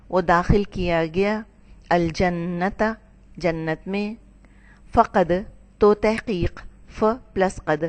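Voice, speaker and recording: A woman with a fairly low voice gives a word-by-word translation lesson. She names each word, then its meaning, in a slow, measured teaching manner. Her voice carries a long, ringing hall reverb. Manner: slow, deliberate word-by-word explanation.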